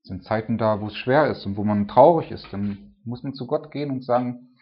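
A man's voice: mid-range voice, a little fast. Man, sermon, conversational preaching, frequent "so" and "ne?" fillers, slightly muffled lo-fi sound. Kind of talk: sermon on a psalm.

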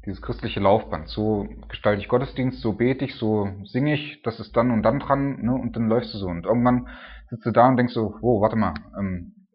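A man preaches a sermon conversationally, often ending sentences with a questioning "ne?" and swinging between emphatic rises and hushed drops. His mid-range voice is husky, at normal speed, and the recording is muffled.

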